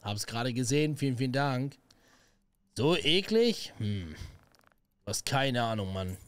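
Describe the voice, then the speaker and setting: A young man commentating a horror game live, excitable and slangy, greeting viewers. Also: medium pitch, unhurried, clean tone, no room sound. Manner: excitable, slangy, yelps at scares. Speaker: gaming streamer. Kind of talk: let's play commentary.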